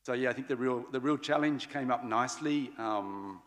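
A man's voice: mid-range voice, moderate pace. Male panel moderator, 40s, podium mic, unscripted wrap-up with restarts, long hall reverb. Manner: loose, searching phrasing with fillers and restarts. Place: large conference stage hall.

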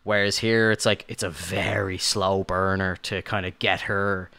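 Man co-host, lowish bright voice, rambling casual talk. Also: little pitch movement, a little slow, vocal fry, smooth. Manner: rambling, many fillers and restarts. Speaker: podcast co-host. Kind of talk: casual review chat.

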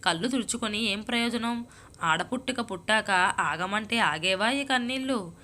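Self-pitying young wife, sighing scoffs, bright edgy tone, read by a woman storyteller. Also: on the high side, expressive, normal speed. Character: young married woman, melodramatic, hooked on TV serials. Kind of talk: storybook reading.

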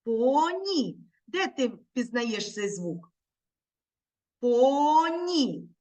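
A woman teacher leads small children through an online lesson. She talks slowly and patiently with a lively, rising and falling pitch. Her voice sits a little high and comes through a video call. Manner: slow, patient, coaxing tone with children.

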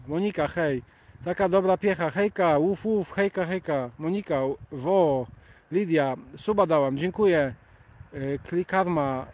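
Chatty high-voiced man on a night walk. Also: a little mellow. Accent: Polish. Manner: chatty, rambling, reads viewer names aloud and greets them. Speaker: livestream host reading chat. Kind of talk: casual live chat while walking. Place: outdoors on a city sidewalk at night.

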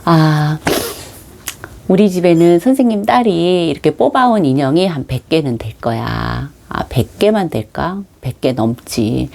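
A woman's voice: sits low, vocal fry. A middle-aged woman teaching a children's devotional as a Sunday school teacher, talking straight to the kids and acting out little quotes as she goes. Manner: animated, acts out quotes for children; speaks directly to kids, warm storytelling teacher tone.

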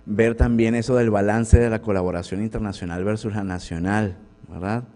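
A man's voice: lowish voice, steady tone, normal speed, dark tone. A man giving an academic conference talk as a professor, speaking in a conversational way and checking in with the audience through rhetorical questions. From Venezuela. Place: university lecture hall.

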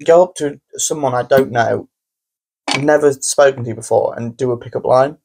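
A man co-hosting a podcast, reading out listener messages with animated, giggly chat. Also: mid-range voice, normal speed, gravelly, slight background noise. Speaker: podcast co-host. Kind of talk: casual chat.

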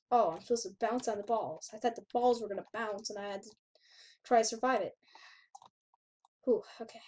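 A woman's voice: a little high, darkish tone. A woman hosting a gaming channel, giving casual gameplay commentary, chatty and reading on-screen text aloud as she reacts to it.

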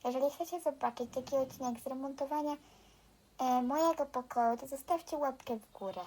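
High-pitched female vlogger through a voice changer. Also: fairly quick, darkish tone, husky, rough recording. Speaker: video creator giving a game house tour. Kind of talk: casual gameplay vlog commentary.

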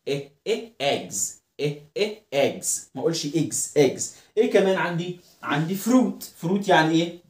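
A man's voice: fairly high pitch, darkish tone. A male English teacher with an Egyptian Arabic accent, giving a phonics lesson and repeating each word over and over for students to copy. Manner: drills pronunciation, repeating words many times. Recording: roomy echoing room.

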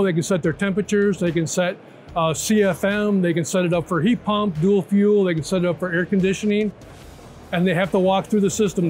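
Slight background noise and a music bed accompany this trade show interview on a large indoor floor. A man in his fifties, high-pitched and darkish in tone, explains his product step by step, checking in with the listener via "right?" and "okay?".

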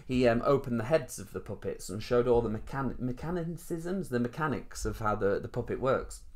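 A man's voice: mid-range voice, moderate pace. A man in his thirties with a northern English accent, hosting an informal live stream and chatting in a rambling, self-deprecating way. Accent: Northern English, Rotherham. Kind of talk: casual live-stream chat.

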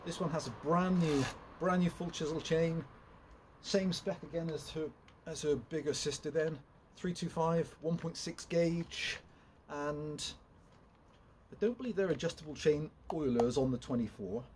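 This chainsaw vlogger is a young man whose voice sits on the high side with a darkish tone. He rambles unhurriedly through a casual walkthrough, stumbling over fillers and restarts, while a distant camera records him in an open woodshed full of log piles; there's a little hiss or hum.

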